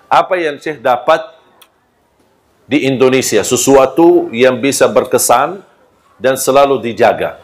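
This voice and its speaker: Arabic-accented man preaching with humor. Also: on the high side. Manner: lively storyteller who acts out quoted voices and jokes with listeners. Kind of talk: humorous sermon.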